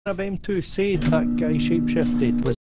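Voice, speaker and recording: A man's voice: fairly high pitch, expressive, measured pace. Scottish man puzzling over a game. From Scotland. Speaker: player. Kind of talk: casual gaming chat.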